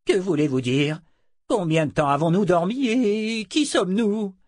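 Bloke playing a cranky old geezer who lost his memory, snippy and sarcastic, pitched up a bit. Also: a little slow, a little mellow, no room sound. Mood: testy. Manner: testy, sarcastic. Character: prickly amnesiac old man, sharp-tongued. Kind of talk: audiobook character voice.

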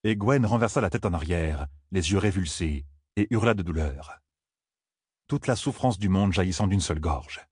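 A man reading a fantasy audiobook in a steady, grave, measured way. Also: deep voice, breathy edge, no room sound, clean studio sound. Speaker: audiobook narrator. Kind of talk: scripted fantasy narration.

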